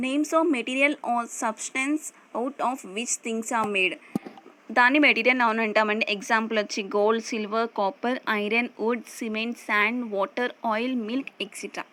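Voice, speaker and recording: Woman, Telugu accent, grammar lesson, slightly high voice, slow careful readings of rules. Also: sharp tone, slight background noise, rough recording. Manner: reads English definitions slowly, then explains in Telugu. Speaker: English grammar teacher. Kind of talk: explanatory lesson over slides.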